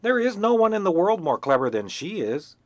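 A man's voice: sing-song, fairly quick, dry recording. A man voicing a bossy, haughty hen who lectures and scolds. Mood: scolding. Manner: scolding, shrill.

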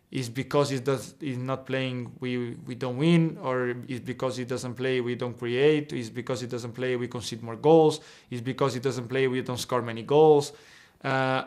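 Medium in pitch, a young man, a footballer whose first language is Portuguese, responds earnestly to interview questions on a video call. He is in an indoor locker room and often restarts or repeats words.

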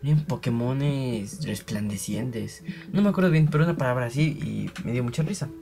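A man's voice: medium pitch, normal speed, creaky, mellow, faint music behind. A young man, rambling in casual gameplay commentary and voicing digging sounds aloud. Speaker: gaming channel host.

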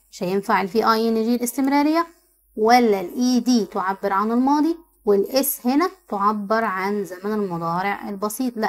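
A woman with an Egyptian Arabic accent teaches English from a worksheet. She reads the English sentences slowly, repeats them, and explains in quick asides with rhetorical questions. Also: mid-range voice. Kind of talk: recorded worksheet walkthrough.

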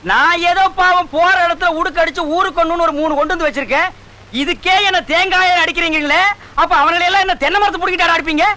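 An actor playing a pompous, boastful male sorcerer who scolds his scheming disciples loudly and theatrically in a film comedy. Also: extremely high pitch, fairly even intonation, fast talker, exaggerated voice. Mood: scolding, boastful.

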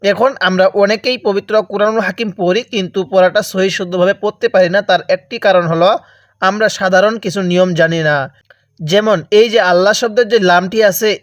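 A man with a Bangladeshi Bengali accent teaching Quran recitation step by step. He explains each rule, asks and answers his own questions, and draws out the Arabic words slowly to demonstrate them. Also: high voice, no room sound, studio quality. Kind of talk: step-by-step spoken lesson with recited examples.

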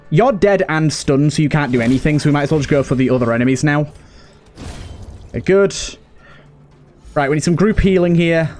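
Talking to himself and addressing the game characters on screen, a man gives casual let's play commentary as a gaming host. His voice sits on the high side and is a little mellow.

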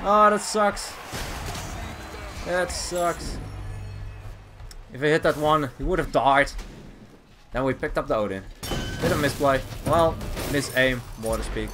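A man with a slightly higher voice talks through a match as he plays, casual and chuckling, often correcting himself mid-sentence. Game music plays clearly behind him. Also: takes it slowly, long pauses. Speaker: gaming channel host. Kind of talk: live gameplay commentary.

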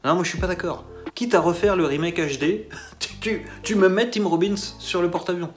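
A man's voice: high-pitched, normal speed, soft background music. A man giving a casual solo film review, sarcastic and mocking as he rambles along.

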